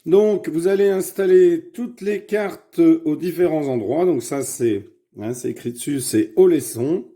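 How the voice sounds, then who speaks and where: A man's voice: on the high side, measured pace, mellow. A man casually explaining board game rules, hesitant and full of fillers as he sorts cards at a table. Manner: hesitant, many fillers, thinks aloud while sorting cards. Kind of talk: casual how-to demonstration.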